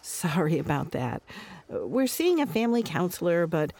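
A woman's voice: fairly low pitch, sing-song, normal speed, darkish tone. A woman playing a prim, weary mother who coaxes her difficult daughter with patient, careful talk.

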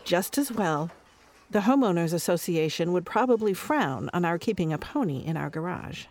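A woman's voice: on the low side, animated, moderate pace, a little mellow, a little hiss or hum. A woman playing a prim, weary mother who coaxes her difficult daughter with patient, careful talk.

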